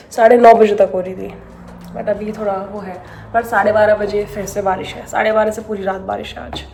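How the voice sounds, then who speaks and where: A woman's voice: medium pitch, mellow, slight background noise. A young woman from India chatting casually in a home vlog, mixing in English phrases and laughing often. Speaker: vlogger. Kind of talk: casual chat.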